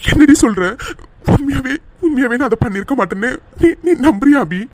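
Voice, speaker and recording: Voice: high voice, animated, a little fast, darkish tone. A voice actor playing a young husband in a cartoon serial, pleading and tearful, repeating himself.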